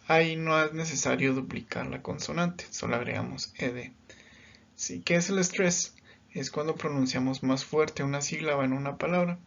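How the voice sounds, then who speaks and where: A man's voice: fairly high pitch, vocal fry, lo-fi sound. A man teaching English grammar in a recorded lesson, patient and step by step, often checking in as he explains.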